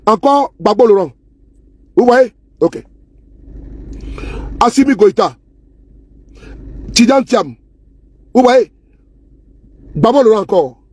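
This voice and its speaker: A man's voice: high voice, expressive, takes it slowly, long pauses, a little mellow, dry recording. A man giving casual, scornful political commentary to camera, repeating himself and asking viewers if they see. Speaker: political vlogger. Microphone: phone or camera he handles himself.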